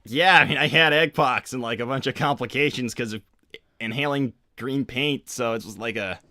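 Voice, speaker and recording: A man's voice: mid-range voice, normal speed, pushed and bright, dry recording, natural voice. A man voicing a casual, slightly awkward young cartoon hedgehog, rambling hesitantly through an improvised livestream Q&A. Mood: awkward, friendly.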